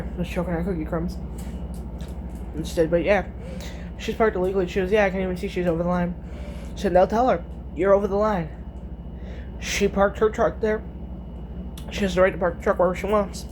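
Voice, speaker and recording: A woman's voice: medium pitch, slight background noise. A middle-aged woman retelling a dispute in casual chat, blunt and swearing freely, quoting each exchange. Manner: chatty, retells conversations with many "I said, she goes". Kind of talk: casual storytelling.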